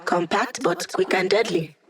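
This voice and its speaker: A video game's young hacker sidekick is voiced by an actress with a lowish, somewhat bright, natural-sounding voice. Witty and sly, she needles her team with fast, wry teasing.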